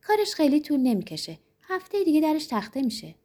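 A woman's voice: sits high, sing-song, voice pushed up. A woman putting on a scornful stout innkeeper widow. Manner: sharp, scornful grumbling.

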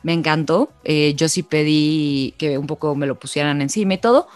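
A woman's voice: deep voice, normal speed, no echo, soft background music. Chatty Mexican woman telling a story. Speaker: podcast co-host. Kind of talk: casual chat.

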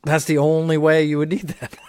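A man's voice: a little high, monotone, fairly quick, a little mellow, dry recording. A man with a New England accent co-hosting a podcast, cracking dry, teasing jokes in casual chat. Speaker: podcast co-host.

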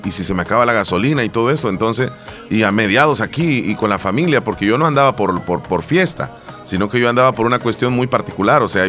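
A man co-hosting a casual talk show, telling a story with lively quoted lines and frequent restarts. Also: lowish voice. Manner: animated storytelling, acts out quotes, many restarts. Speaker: co-host. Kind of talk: casual chat.

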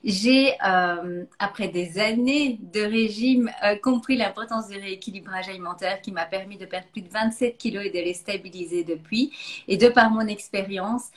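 A woman's voice: medium pitch, normal speed. A woman from Belgium hosting a live online interview, chatty and friendly, with many hesitations. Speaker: host.

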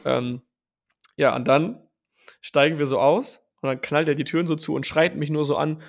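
A young man hosting a podcast, casually telling an animated story and quoting people along the way. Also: fairly high pitch, normal speed, gravelly. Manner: animated, quotes people with lively asides. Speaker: podcast host.

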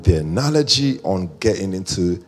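Male pastor, chatty joking sermon delivery; low, gravelly, faint instruments underneath. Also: expressive, moderate pace, faint music behind. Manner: conversational, joking, rambling asides.

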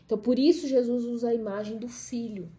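Warm-voiced Brazilian woman preaching. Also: fairly high pitch, fairly even intonation, fast. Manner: homely, joking asides to listeners. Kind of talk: informal Bible teaching.

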